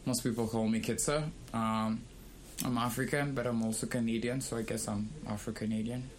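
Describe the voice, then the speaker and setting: A young man who grew up in Kenya, co-hosting a casual discussion and speaking in a thoughtful, measured way with pauses. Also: medium pitch, fairly even intonation, a little hiss or hum. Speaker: podcast co-host.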